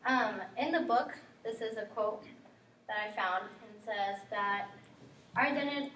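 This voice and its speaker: A young woman from guatemala talks through a class presentation, earnest and sprinkled with ums. her voice sits a little high and comes from across an echoey classroom. faint background hiss. recorded from far off. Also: fairly bright tone. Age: young adult. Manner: earnest, filler-heavy with frequent ums and likes. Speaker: student presenter.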